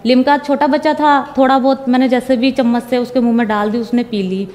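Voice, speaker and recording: A woman's voice: high-pitched, steady tone, a little fast, darkish tone, long reverb tail. A young woman giving a personal testimony, retelling conversations at length and repeating "I said".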